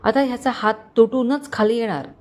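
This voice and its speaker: A woman's voice: a little high, brisk, pitched above the performer's own voice, close to an everyday voice. A woman voicing an angry, protective young husband who threatens and commands. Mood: furious. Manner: shouting, commanding, stony.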